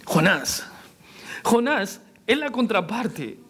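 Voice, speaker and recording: A man with a high, light voice preaches a sermon to his congregation. He keeps asking them questions. He slips into little acted voices whenever he quotes someone. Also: sing-song, slow, a bit bright, husky. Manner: acts out quoted lines in varied voices. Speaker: pastor.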